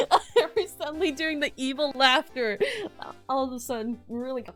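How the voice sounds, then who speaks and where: Woman, gameplay commentary, casual, excitable, self-amused, bright tone. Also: sits high, moderate pace, faint music behind. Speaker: game player voicing the characters.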